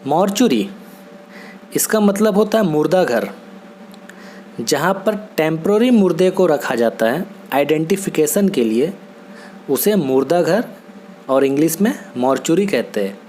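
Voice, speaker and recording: A man teaching English words in a steady, patient lesson, often checking in with his listeners. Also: a little high, a little slow, slight background noise. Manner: patient, repetitive, checks in with "theek hai?". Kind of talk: Hindi-language vocabulary lesson.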